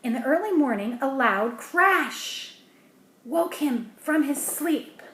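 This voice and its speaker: A woman reads a picture book to children slowly and patiently, her slightly high voice full of lively intonation. She often pauses for gentle, hushed asides about the pictures. The recording has a roomy echo and faint background hiss.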